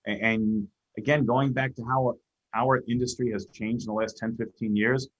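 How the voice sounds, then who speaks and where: A man's voice: medium pitch, steady tone, moderate pace, dull audio. An older man with a heavy Brooklyn accent chatting casually on the radio, often repeating his opening words. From Flushing, Queens, New York. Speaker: radio guest, financial professional.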